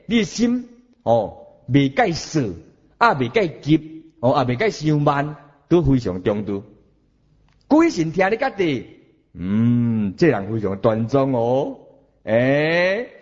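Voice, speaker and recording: An animated man with a Taiwanese accent gives a Buddhist sermon. His voice swings widely in pitch and has a husky edge, and he keeps breaking into chanted examples and questions to his listeners. The lo-fi recording sounds dull. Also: measured pace. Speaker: Buddhist teacher.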